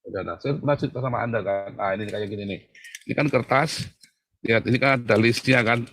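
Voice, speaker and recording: A man preaches in a relaxed, conversational way, joking with his listeners. He leans hard on key words, then drops to a near hush when urging calm. His voice sits at an ordinary middle pitch. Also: quick pace, slight background noise. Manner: chatty, joking, swings between loud emphasis and hushed calm. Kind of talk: casual sermon.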